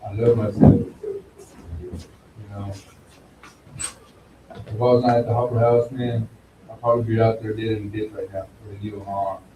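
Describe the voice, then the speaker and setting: A man's voice: on the low side, level tone, normal speed, long pauses, warm tone, recorded from a distance. Man, recovery testimony, says "bro" a lot, echoey room, noisy background. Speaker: recovery house resident.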